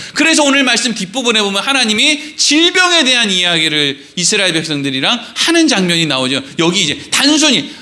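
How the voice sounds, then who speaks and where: A man pastor preaching a sermon in a church, animated and joking with the congregation, acting out quoted voices. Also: high-pitched. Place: church sanctuary.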